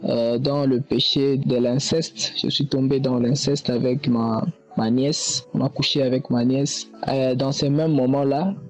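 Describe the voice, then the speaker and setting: A man from DR Congo tells his testimony at a middling pitch. He speaks haltingly, pausing on fillers as he goes. Faint music sits underneath. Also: fairly even intonation, darkish tone. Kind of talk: spoken testimony.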